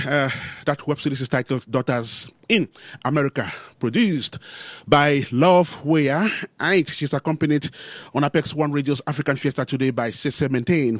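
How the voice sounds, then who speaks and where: A male radio host speaks into a studio microphone at a medium pitch. He is measured and leans on filler pauses, and the sound is dry and close. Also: no echo. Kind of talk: radio interview.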